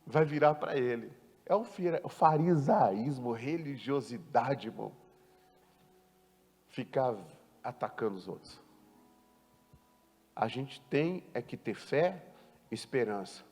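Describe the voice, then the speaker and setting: A man pastor preaching a sermon, emphatic and full of rhetorical questions, swinging from loud to hushed. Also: mid-range voice, lively intonation, slow, pauses often, in a large hall. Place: church.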